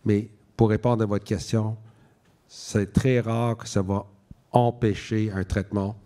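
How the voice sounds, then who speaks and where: A man's voice: lowish voice, little pitch movement, a little slow, mellow. A man, a medical specialist explaining things in plain everyday words as part of a panel. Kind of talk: plain-spoken expert explanation.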